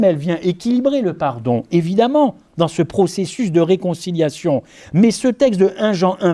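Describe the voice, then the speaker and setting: A man's voice: high-pitched, dark tone. A middle-aged man from France preaching a sermon, talking easily with the congregation through asides and rhetorical questions. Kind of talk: sermon with Bible study.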